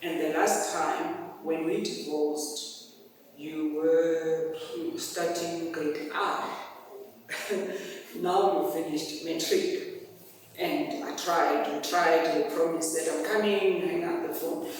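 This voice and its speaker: Mom hosting a podcast, slow reflective way of talking, sounds far off in a big echoey hall with some faint noise. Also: female voice, sits low, fairly even intonation. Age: middle-aged. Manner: slow, reflective, searching for words. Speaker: podcast host and mother. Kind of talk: family conversation podcast. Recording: echoey hall, distant mic.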